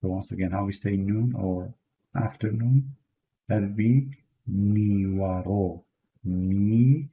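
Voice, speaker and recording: A man teaching a beginner language lesson, patiently repeating words slowly and praising the learner as he goes. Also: fairly low pitch, slightly rough, phone-quality sound. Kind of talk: slow spoken language lesson.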